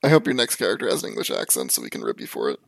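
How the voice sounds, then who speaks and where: Man, teasing laugher, gravelly and very lively pitch. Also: very fast, dry recording, studio quality. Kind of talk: casual chat.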